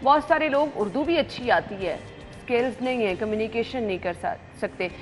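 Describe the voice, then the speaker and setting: A woman's voice: fairly high pitch, animated, normal speed, soft background music. A woman hosting a morning show, asking questions conversationally and affirming the guest often. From Pakistan. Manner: conversational, frequent affirming hums. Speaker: host.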